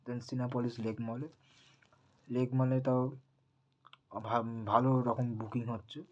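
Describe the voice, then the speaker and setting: A young man, chatting casually at home and keeping his voice low on purpose, with many fillers. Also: flat delivery, a little slow, dull audio, a little hiss or hum. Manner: speaks softly on purpose, many fillers, mixes English into Bengali. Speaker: film box office vlogger. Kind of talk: casual chat.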